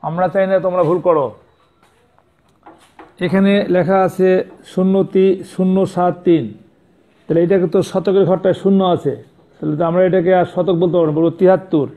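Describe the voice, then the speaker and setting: A man's voice: high voice, fairly even intonation, fairly quick, pauses often, mellow. A man teaching a math lesson to young pupils, patient and repetitive, stopping to correct how numbers are said and spelled. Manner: patient, repeats and corrects pronunciation. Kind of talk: classroom lesson. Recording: tinny phone-like sound.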